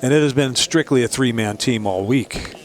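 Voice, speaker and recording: A man's voice: mid-range voice, moderate pace. Male golf commentator, faint noise behind.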